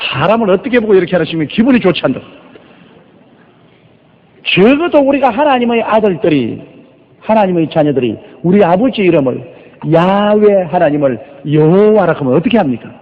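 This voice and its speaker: An older man preaching a sermon as a pastor, telling stories with rhetorical questions and drawn-out emphasis. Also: a little high. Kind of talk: sermon, Bible exposition. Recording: lo-fi recording with long reverb.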